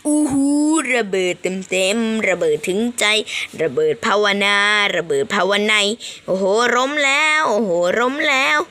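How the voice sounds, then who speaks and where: Young woman streamer, bright and bouncy, playful game commentary, high and lively. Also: unhurried, hardly any pauses. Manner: animated, squealing exclamations, playful. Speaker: gaming streamer.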